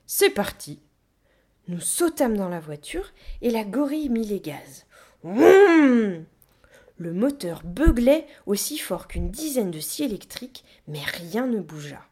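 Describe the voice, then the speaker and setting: A woman reads a children's storybook aloud with lively, animated delivery. Her pitch rises and falls a lot through the telling, and her voice sits in a middle range. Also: a little slow, hardly any pauses, breathy edge. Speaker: narrator. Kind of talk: storybook reading.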